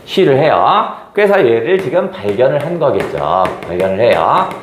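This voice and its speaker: A man's voice: medium pitch, normal speed, echoey room, noisy background. A man teaching a literature lesson and acting out the scenes as he goes. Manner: animated, acts out scenes. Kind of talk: literature lecture.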